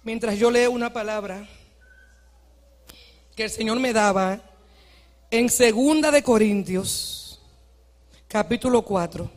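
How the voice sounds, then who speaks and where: A woman pastor preaching a fervent sermon, often shouting to urge her congregation on. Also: fairly high pitch, takes it slowly, long pauses. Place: church hall. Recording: long hall reverb.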